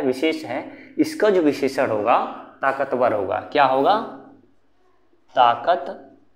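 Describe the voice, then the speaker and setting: Young male tutor, online exam-prep lesson, drills by asking and repeating each answer. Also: mid-range voice. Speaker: Hindi grammar teacher.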